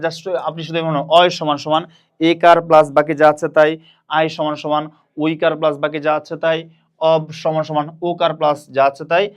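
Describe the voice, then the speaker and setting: Man teaching a grammar class, repeating words. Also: fairly high pitch. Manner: repeats words aloud slowly for students to echo. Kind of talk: online admission-prep grammar lesson.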